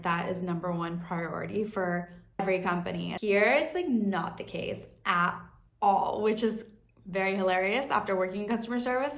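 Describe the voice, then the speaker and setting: A young American woman telling her channel what surprised her abroad, chatting casually and filling her talk with "like". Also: medium pitch. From United States. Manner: chatty, lots of "like" fillers. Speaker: vlogger. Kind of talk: casual vlog chat. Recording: echoey room.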